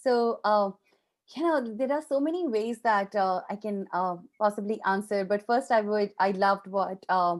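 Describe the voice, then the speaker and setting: A woman's voice: medium pitch, moderate pace. Woman from india on a video call panel, polite, lots of ums and you knows. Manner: polite, many fillers. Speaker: associate professor, panelist. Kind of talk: conversational panel remarks.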